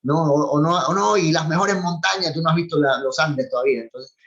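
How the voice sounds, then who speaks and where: A former cultural animator from Cuba chats on a video call in Cuban Spanish-accented speech, talkative, opinionated and often laughing mid-sentence. His voice is fairly high, a bit bright and a little fast, heard through dull lo-fi call audio.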